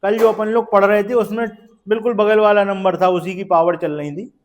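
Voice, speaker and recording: A man's voice: high-pitched, steady tone, a little fast. A man teaching math to a classroom of students, coaxing them along and quizzing them step by step to check they follow. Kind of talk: live classroom lesson.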